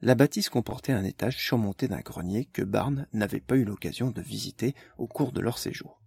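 A man narrating an audiobook in an even, measured way. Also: fairly low pitch, vocal fry, husky, no room sound, clean studio sound.

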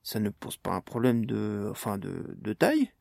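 An awkward, halting man, as a reader voices him, stumbling over fillers and unfinished sentences. His voice is gravelly and dry, close to the mic. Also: fairly low pitch, very animated, darkish tone, no room sound, exaggerated voice. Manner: stammering, halting. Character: awkward flustered man, hesitant.

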